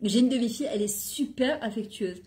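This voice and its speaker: A middle-aged woman who weaves into her talk. She tells personal stories in a lively way and acts out the dialogue. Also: on the high side, quick pace. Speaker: guest speaker on women's talk show. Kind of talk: animated personal storytelling.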